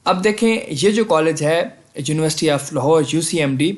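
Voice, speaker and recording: A man casually explaining medical college exam formats to students, often asking "theek hai" and mixing in English terms. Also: on the high side. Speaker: medical admissions advisor on a video channel.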